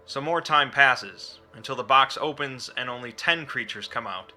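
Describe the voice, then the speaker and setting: A man's voice: medium pitch, moderate pace, pushed and bright. A man reading a scripted, dramatic explainer as a narrator. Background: background music.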